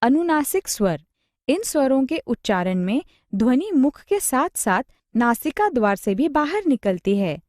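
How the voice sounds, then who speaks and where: A woman delivers a scripted grammar lesson at an unhurried pace, pausing on each example. Her fairly high voice rises and falls a lot. The recording is dry and close, with no room sound. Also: big pitch swings, darkish tone, dry recording. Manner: slow, measured, reads examples one by one. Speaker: teacher.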